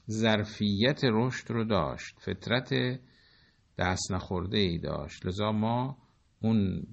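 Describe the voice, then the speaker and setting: A man with a low, gravelly voice gives a lesson on scripture. He recites each verse, then explains it, asking questions and answering them himself. The recording is dull and lo-fi. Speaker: Quran teacher. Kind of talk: Quran exegesis lesson.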